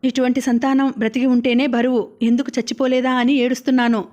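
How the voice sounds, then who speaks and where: A woman's voice: high voice, level tone, fast, a little mellow, natural voice. A woman reading the lines of a stern, grieving aristocratic mother who scolds and wails at her son. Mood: bitter grief. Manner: scolding, wailing.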